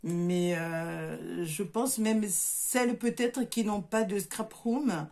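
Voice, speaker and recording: A woman's voice: medium pitch, takes it slowly, vocal fry, a little mellow. A middle-aged woman with a southern French accent, chatting casually to camera in her craft workshop, hesitant with many fillers and restarts. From southern France. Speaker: crafts vlogger. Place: home craft workshop, indoors.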